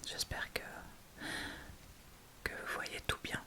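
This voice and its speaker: Speaking slowly and softly into the microphone, this woman makes ASMR videos and whispers in a breathy, gentle way, explaining each step of a relaxed tutorial without rushing.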